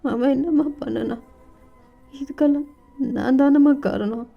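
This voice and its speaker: A woman's voice: high-pitched, steady tone, measured pace, gravelly. A woman voicing a grieving young woman who stammers and pleads through tears, in a storybook reading. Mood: sobbing. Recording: dull lo-fi recording with faint music.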